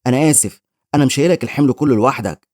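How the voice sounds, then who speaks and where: Gentle sickly big brother in a story recap, read by an Egyptian man, quick dry delivery. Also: mid-range voice, no echo, close to an everyday voice. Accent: Egyptian Arabic. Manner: gentle, apologetic. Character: bedridden young male ex-adventurer, gentle.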